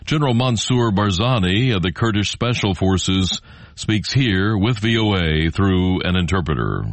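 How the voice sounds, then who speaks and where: A man's voice: deep voice, lively intonation, unhurried, dry recording. A man with an American accent reading scripted world news as a radio anchor.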